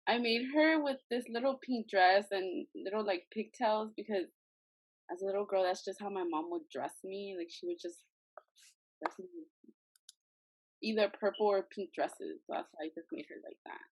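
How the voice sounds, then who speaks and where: A woman's voice: medium pitch, normal speed, no echo, poor audio. A woman student giving a casual, chatty class presentation with fillers.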